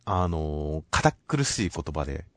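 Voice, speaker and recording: A man's voice: rumbling low, sing-song, no room sound. A man co-hosting a casual talk show, politely and steadily summarizing manga chapters and giving his views. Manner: measured, polite, summarizing plot. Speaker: podcast co-host reviewing manga. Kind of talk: casual chat.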